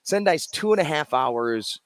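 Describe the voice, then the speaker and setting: A man's voice: on the high side, lively intonation, unhurried, no echo. A man, a brewery co-founder, chatting casually as an interview guest and explaining his beers. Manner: explains while showing cans, loose and chatty. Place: brewery in a Japanese spa town.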